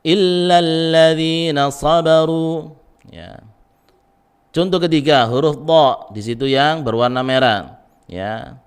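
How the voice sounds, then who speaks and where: Unhurried Indonesian male teacher, smooth resonant voice, patient drilling with chanted examples. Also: medium pitch, lively intonation. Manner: patient, repeats syllables slowly, frequent "ya" tags, chants example verses. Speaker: Quran recitation teacher. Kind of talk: recorded tajwid lesson.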